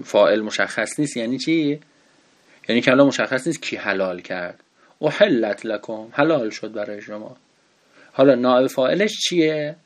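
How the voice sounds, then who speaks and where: A man teaching an Arabic grammar lesson, explaining patiently, asking and answering his own questions and reading Arabic text slowly. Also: mid-range voice.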